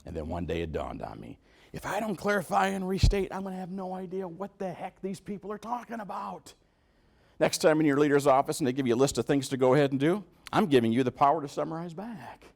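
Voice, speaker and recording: A man's voice: a little high, fast, creaky. A man giving a motivational talk at a business meeting, asking the audience questions and acting out quotes. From New York. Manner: animated, asks the audience questions, acts out quotes. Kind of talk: motivational speech.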